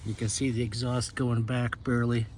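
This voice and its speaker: A man's voice: medium pitch, flat delivery, moderate pace, darkish tone, a little hiss or hum. A man giving casual, rambling how-to commentary on his own repair job, with loose, self-deprecating asides. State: out of breath. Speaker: channel host.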